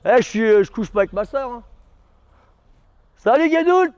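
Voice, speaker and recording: A man's voice: very high-pitched, expressive, moderate pace, darkish tone. A man chatting and teasing on a rainy city street, swearing often. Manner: swearing, boisterous teasing banter. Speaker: documentary subject, football fan. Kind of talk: casual street chat. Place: outdoors on a city street in rain.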